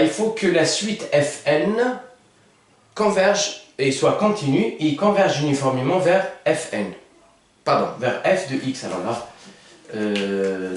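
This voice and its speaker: A man's voice: mid-range voice, distant mic, a little hiss or hum. Male math tutor, hesitant board-side explainer, very echoey room, mic set back. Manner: hesitant, many fillers and self-corrections. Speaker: math teacher. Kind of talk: whiteboard math lesson.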